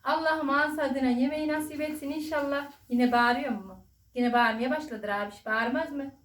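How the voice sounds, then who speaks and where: A middle-aged woman vlogging casually at home to her followers, talking in a loud, booming way. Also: fairly even intonation, normal speed. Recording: echoey room, distant mic.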